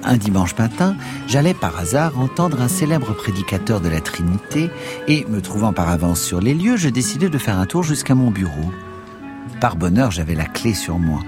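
A man reading a classic story aloud in an expressive, theatrical way, narrating in the first person. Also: fairly low pitch. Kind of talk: dramatic literary reading.

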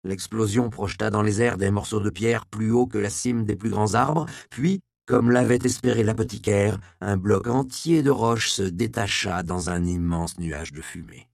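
Gravelly low-voiced male audiobook narrator. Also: normal speed, few pauses, a little mellow, no room sound, clean studio sound. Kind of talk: scripted narration.

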